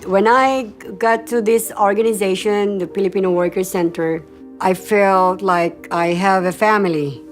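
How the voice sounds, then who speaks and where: A woman's voice: mid-range voice, steady tone, moderate pace, soft background music. A woman caregiver speaking in a heartfelt, grateful way in a documentary interview.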